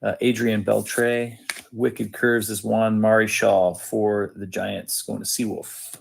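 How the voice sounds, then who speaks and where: Male card-break host, slow and gravelly, casual and matter-of-fact, short clipped phrases. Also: lowish voice, little pitch movement. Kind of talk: casual live commentary, reading out cards.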